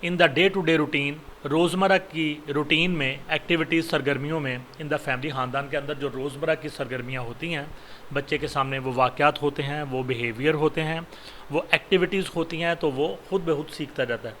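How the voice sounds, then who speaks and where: A Pakistani-accented man gives a recorded university lecture in a slightly high voice. He reads each English line slowly and carefully, then explains it at a quicker pace with hesitant fillers. A faint hiss sits under the recording. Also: steady tone, a bit bright.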